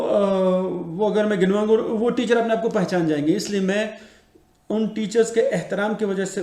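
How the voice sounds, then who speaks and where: A man's voice: high-pitched, warm tone, echoey room. A man, an English teacher giving an earnest talk to camera, repeating his points as he lectures.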